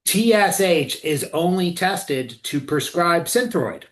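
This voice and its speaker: A man's voice: sits high, lively intonation, slow, fairly bright tone. A man hosting a casual podcast conversation, blunt and swearing freely about the system. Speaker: co-owner and clinical director, host.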